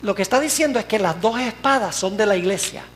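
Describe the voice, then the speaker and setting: A preacher delivers a sermon with steady emphasis and a mid-pitched voice. He draws out key words when reading quotations and turns to the congregation with rhetorical questions. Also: a little hiss or hum, poor audio. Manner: emphatic, slows down to stress quoted words; asks the audience rhetorical questions. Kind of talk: sermon with read-out quotes.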